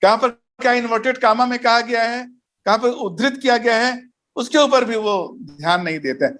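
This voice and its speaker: A pastor gives a Bible study lesson in a fairly high voice. He works through numbered points and tells short anecdotes along the way. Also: moderate pace, fairly bright tone. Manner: didactic, enumerates points, tells jokes and anecdotes. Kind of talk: recorded teaching session.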